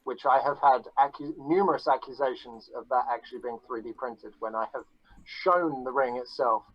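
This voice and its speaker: A man chatting casually on a podcast, bragging about himself in a deadpan, mock-grandiose way. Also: mid-range voice, normal speed, no room sound, dull audio. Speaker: guest.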